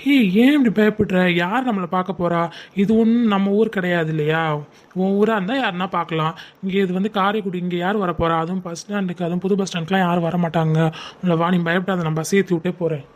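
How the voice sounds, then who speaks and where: A calm young boyfriend talks quickly and reassuringly, as a woman voices him. His tone stays even and steady. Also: on the low side, voice pushed down, lightly acted.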